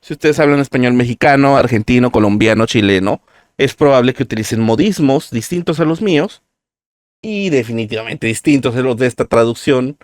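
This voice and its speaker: In a live-streamed lesson, a man patiently explains pronunciation, taking each example step by step. His voice is medium-pitched and darkish, captured in a dry, clean studio recording.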